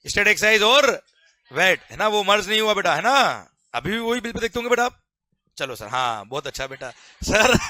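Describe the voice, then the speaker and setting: A man with an Indian accent teaching a tax lecture to students, animated and jokey, mixing English terms into his talk and keeping check that they follow. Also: sits high, no room sound. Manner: keeps asking "is it clear?". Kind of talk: classroom lecture.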